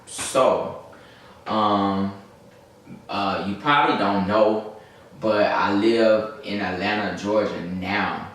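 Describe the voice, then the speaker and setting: A young adult vlogger from Birmingham, Alabama, with a Southern US accent, tells a casual story to camera in a slangy, rambling, easily distracted way. His voice is fairly low and fairly bright, and he speaks slowly. The room is very echoey, the mic is distant, and there is faint noise.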